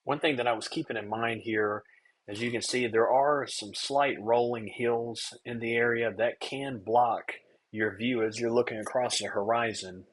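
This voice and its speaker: A man's voice: mid-range voice, fairly even intonation, normal speed, low-quality recording. A man giving a casual, explanatory voice-over as a storm chaser narrating his own footage.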